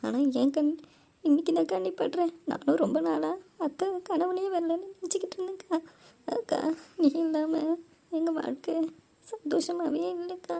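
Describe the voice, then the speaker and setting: A woman's voice: very high voice, steady tone, normal speed, vocal fry, mellow, heavily acted. A woman voicing a chatty, easily frightened young village woman in a cartoon, exclaiming in comic dread and later speaking tearfully. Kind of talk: cartoon voice acting.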